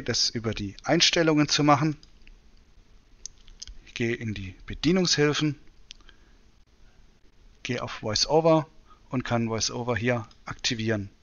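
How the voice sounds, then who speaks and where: A man presenting a software demonstration in tutorial narration. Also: mid-range voice, highs cut off. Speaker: presenter demonstrating screen reader.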